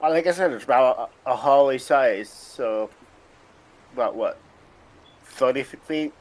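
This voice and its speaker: A man's voice: medium pitch, a little slow, a little mellow. A man playing a tabletop game over an online call, his audio choppy with dropouts that cut off word endings, so he trails off mid-word.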